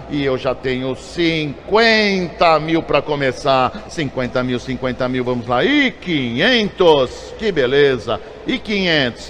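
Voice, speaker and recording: A man working as an auctioneer, repeating bids in a rapid rhythmic chant. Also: mid-range voice, fairly bright tone, a little hiss or hum. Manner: rapid repetitive bid calling.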